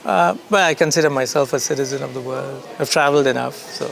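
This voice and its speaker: A man from India, a creative director, speaking as an interview guest in a relaxed, thoughtful way, often repeating words as he searches for them and laughing easily. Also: medium pitch, quick pace, gravelly. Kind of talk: casual conversation.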